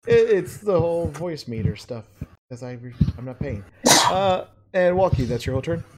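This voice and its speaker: A man running a tabletop game as game master over an online voice call, casual and quick to swear. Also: fairly high pitch, expressive, a crowd in the background. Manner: casual, swears freely, quick bursts of narration.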